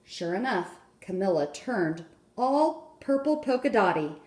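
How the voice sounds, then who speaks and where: A woman's voice: mid-range voice, very animated, measured pace, darkish tone. Woman reading a storybook, roomy echo. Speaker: storybook reader. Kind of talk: expressive children's story narration. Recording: roomy, echoing indoor recording.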